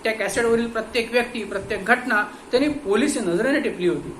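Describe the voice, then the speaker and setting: A man reading a detective story aloud in a measured, expressive way. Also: high-pitched, roomy sound, slight background noise, rough recording. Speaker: narrator.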